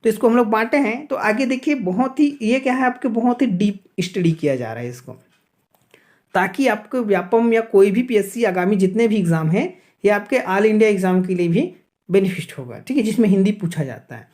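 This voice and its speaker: Teaching grammar for exam prep, a man from Chhattisgarh, India, speaks with a high pitch, lively intonation and a slightly mellow quality. He fires off questions only to answer them, drops in frequent "okay"s, and carefully sounds things out one by one.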